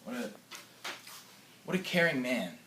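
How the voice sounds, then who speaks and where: A man's voice: medium pitch, very animated, a little slow, sharp tone, a little hiss or hum. A man conducting a mock news interview for a school project, hesitant with many fillers, recorded far from the mic in an echoey room.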